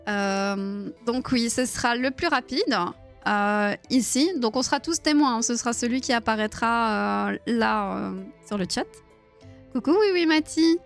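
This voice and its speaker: A woman in her thirties hosting a live quiz stream, chatting playfully with viewers and giggling often. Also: fairly high pitch. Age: 30s. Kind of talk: casual live-stream chat.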